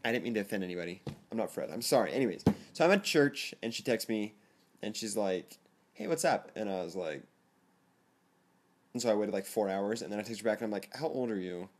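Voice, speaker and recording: A teenage boy telling a story to his camera in a casual vlog, rambling and self-conscious, often laughing and jumping into a higher, excited voice. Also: fairly quick, slight background noise. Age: teens. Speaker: vlogger.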